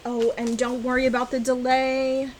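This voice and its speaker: A woman vlogging about cross-stitch, chatting casually to camera and gushing with excitement, now and then breaking into loud exclamations. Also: sits high, normal speed, a little hiss or hum, low-quality recording. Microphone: on-camera mic, seated at desk with ring light.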